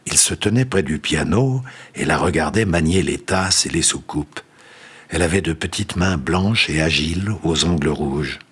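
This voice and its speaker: A man reads a story aloud in a very deep, husky voice. His delivery is measured and suspenseful, with a breathy edge. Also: expressive, fairly bright tone. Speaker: narrator. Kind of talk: storybook reading.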